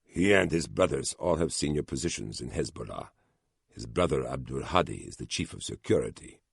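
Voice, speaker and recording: A German intelligence officer, a man who leans in and keeps his voice low and confidential, as a narrator plays him. The voice is extremely deep with a gravelly edge, and it reads as an audiobook thriller scene. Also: animated, brisk, no room sound, clean studio sound, exaggerated voice. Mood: confiding.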